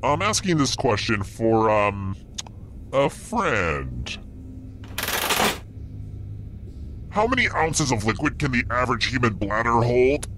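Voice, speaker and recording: A man's voice: mid-range voice, big pitch swings, unhurried, noisy background. An actor playing a sinister male game show host who menaces the players in a sardonic, threatening manner. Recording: music playing behind voice.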